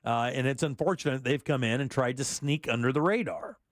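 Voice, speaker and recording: A man's voice: medium pitch, a little fast, no echo, studio quality. A man hosting a radio talk show, reading news items with casual asides and frequent laughs. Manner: chatty, laughs often, reads stories with asides.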